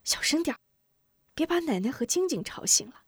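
A woman voicing a worried widowed mother who scolds her son in a hushed voice. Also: mid-range voice, big pitch swings, moderate pace, no room sound, studio quality. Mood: hushed worry.

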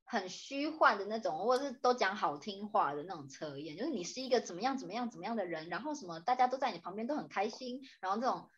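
A woman's voice: medium pitch, lively intonation, fast talker, few pauses, a bit bright, dull audio. A woman with a Taiwanese Mandarin accent, co-hosting a casual podcast chat in a blunt, teasing way with frequent laughs. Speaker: podcast co-host.

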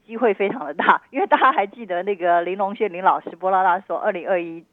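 A woman's voice: medium pitch, quick pace, no echo. Taiwanese woman analyst on a tinny phone line. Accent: Taiwanese Mandarin. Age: middle-aged. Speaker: investment analyst, radio guest. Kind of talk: live market commentary interview.

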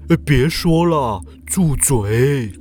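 A man's voice: mid-range voice, expressive, darkish tone, soft background music. A man putting on a frightened old shepherd. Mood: pleading. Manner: slow, moaning, pleading delivery.

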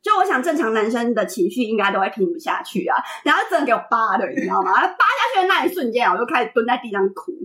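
Young taiwanese mandarin woman spilling a story, high pitched, super animated. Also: rapid-fire, hardly any pauses. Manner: animated, dramatic, laughs often. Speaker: podcast guest. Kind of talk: casual storytelling chat.

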